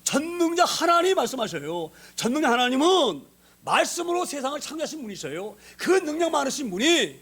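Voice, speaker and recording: High-voiced Korean-speaking male pastor. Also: big pitch swings, brisk, a bit bright. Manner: conversational preaching, asks the congregation questions. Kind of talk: sermon.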